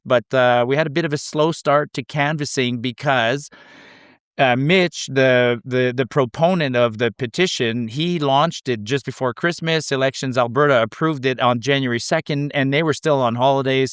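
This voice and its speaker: Animated man telling a story with restarts. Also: mid-range voice, smooth, dry recording, clean studio sound. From Canada. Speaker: guest petition canvasser. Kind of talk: casual storytelling. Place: rural Alberta.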